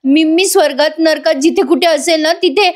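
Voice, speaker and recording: Woman playing a shrill wailing drama-queen girl, desperate and over the top. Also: moderate pace, close to an everyday voice. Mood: hysterical. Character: hysterical melodramatic young woman, desperate.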